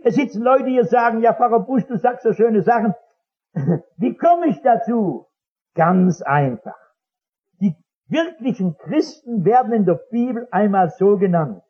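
A man preaching as a pastor before a congregation, telling stories fervently and acting out their dialogue. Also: sits high. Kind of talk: sermon. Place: church or hall before a congregation. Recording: dull lo-fi old recording.

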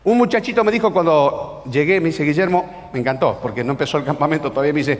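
A middle-aged man with an Argentine accent preaching a sermon to young people at a camp, animated and acting out dialogues, swinging between loud emphasis and hushed asides. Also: on the high side, quick pace. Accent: Argentine Spanish. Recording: long hall reverb.

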